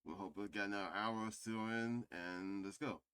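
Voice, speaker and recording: A man's voice: on the low side, fairly even intonation, fairly quick, fairly bright tone, clear, resonant tone. A young man casually commenting on a game he plays, swearing now and then and reading its text aloud. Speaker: gaming video host. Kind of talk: let's play commentary.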